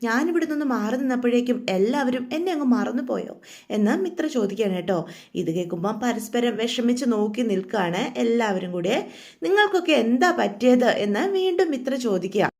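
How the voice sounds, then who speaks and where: A woman's voice: on the high side, expressive, a little fast, a little mellow. A woman casually retelling the plot of a TV serial in a chatty way, tagging her sentences with a friendly "you know". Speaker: storyteller recapping a TV serial.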